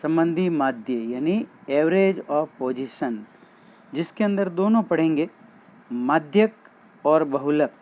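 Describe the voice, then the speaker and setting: A man's voice: a little high, animated. A male maths teacher giving a classroom lesson, talking straight to his students and explaining each step. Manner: addresses students directly, slow and explanatory. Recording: dull lo-fi sound with faint background noise.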